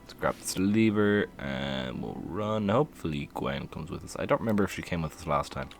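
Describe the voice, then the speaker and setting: A man's voice: low-pitched, expressive, normal speed, soft background music. A man giving casual, playful commentary while streaming a game, laughing and humming to himself as he plays.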